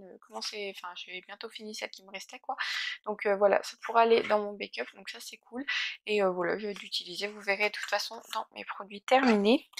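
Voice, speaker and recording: Gravelly young woman chatting. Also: mid-range voice. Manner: chatty, many hesitations and fillers. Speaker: beauty vlogger. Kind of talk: casual unboxing chat.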